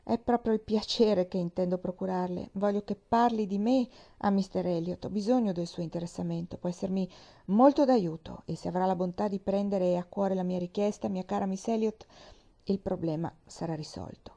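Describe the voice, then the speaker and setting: A woman reading the part of Mrs Smith, a shrewd, knowing widow who speaks in a confiding, gently teasing way. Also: mid-range voice, moderate pace, gravelly.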